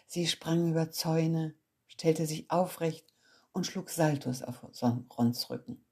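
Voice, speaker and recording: A woman calmly reading a children's story aloud as the storyteller, in a measured storybook manner. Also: deep voice, creaky, husky.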